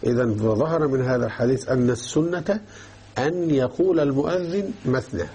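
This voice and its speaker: A man's voice: medium pitch, brisk, dark tone, breathy edge. A man teaching Islamic jurisprudence, explaining a text and often checking that his students are following. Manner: explanatory, checks understanding with repeated questions. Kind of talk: religious lesson explaining a text.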